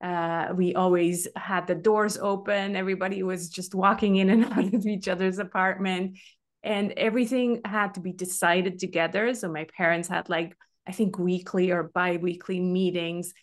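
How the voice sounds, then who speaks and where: Speaking at a normal pace with a fairly low pitch and mostly even intonation, a middle-aged woman from Switzerland shares her story as a guest in a relaxed video-call conversation. She talks from home over a webcam, openly and chattily, with frequent fillers.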